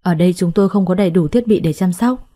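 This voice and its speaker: A woman voices a brisk, no-nonsense clinic doctor in this told story. The doctor speaks firmly and matter-of-factly, in a mellow, warm tone. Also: on the low side, no room sound, studio quality, natural voice. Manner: firm, matter-of-fact, brusque. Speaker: doctor figure.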